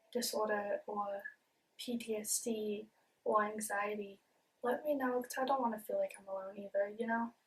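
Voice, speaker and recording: Her voice a little high, a young woman vlogs casually in a confessional talk to camera. She comes across earnest and open despite a speech impediment that blurs some sounds, filling in with lots of ums and repeated words, and the distant mic yields a rough recording.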